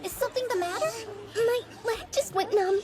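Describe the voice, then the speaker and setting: A woman playing a timid high school girl, anxious and breathy, in an anime dub. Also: a little fast. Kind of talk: anime English dub acting. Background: background score.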